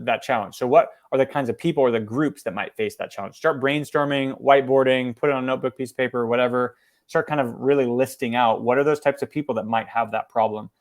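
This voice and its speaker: A man walks through a business marketing lesson at a quick, energetic clip. He talks casually, full of fillers and restarts, with a voice of middling pitch. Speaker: marketing presenter. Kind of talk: webinar presentation.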